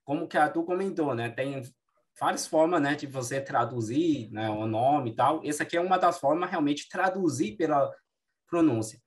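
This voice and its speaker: A patient male Mandarin teacher, a native Mandarin Chinese speaker, gives a classroom explanation with frequent "né" tags and self-corrections. His voice is a little high and his pace moderate.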